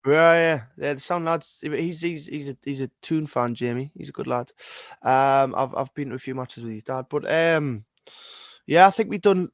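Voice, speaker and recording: This singer-songwriter, a twentysomething from Northeast England with a Geordie accent, guests on a podcast and talks in a loose, rambling style packed with swearing and false starts. He has a medium-pitched voice at normal speed, and the recording is dry and dull.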